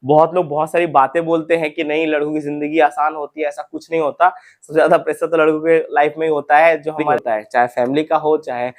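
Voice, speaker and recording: A man's voice: fairly high pitch, little pitch movement, fast talker. A young man hosting an informal advice talk, chatty, repeating points and calling viewers friends and brothers. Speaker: recruitment info channel host.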